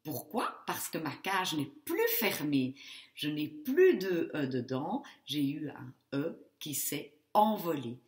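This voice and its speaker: A woman's voice: low voice, very animated, takes it slowly, darkish tone. A woman teacher explaining spelling rules step by step in a lesson, stressing each example word. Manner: teaching in French, switching to Dutch for the example words. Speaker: Dutch language teacher.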